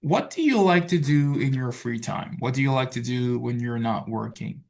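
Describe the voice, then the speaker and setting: A man teaching an English class, talking in a relaxed way full of fillers like "so" and "okay". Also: mid-range voice, moderate pace, vocal fry. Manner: relaxed, filler-heavy, says "so" and "okay" a lot. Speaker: English tutor. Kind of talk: online tutoring class.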